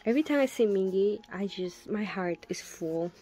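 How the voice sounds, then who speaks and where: A woman's voice: medium pitch, lively intonation, normal speed. A young woman gushing through a photobook unboxing, gasping and whispering little asides as she looks at each picture. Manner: gushing, breathy gasps and soft whispered asides. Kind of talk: casual unboxing commentary.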